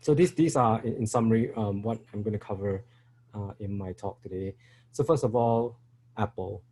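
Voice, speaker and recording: Giving a conference talk at a developer meetup, a middle-aged man from Singapore speaks with a Singaporean English accent in a warm, lowish voice at a moderate pace. He hesitates often, with many fillers and restarts, and there's slight background noise.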